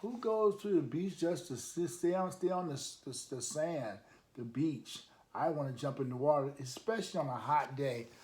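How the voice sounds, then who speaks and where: A man reads aloud from a children's picture book at normal speed, his slightly high voice carrying a darkish tone. Serving as storytime reader and coach, he interjects encouraging, emphatic comments and questions for his audience.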